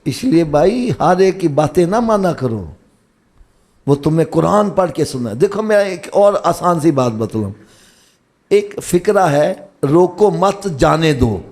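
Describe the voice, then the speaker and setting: An animated preacher with a Pakistani Punjabi accent addresses a live religious gathering. He moves between low-voiced explanation and high-pitched, shouted exhortation.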